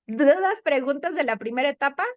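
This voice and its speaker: A woman, a thanatologist giving a conversational group talk on the stages of grief and acting out the voices she quotes. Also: dull audio. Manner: conversational, acts out quoted voices with rising pitch.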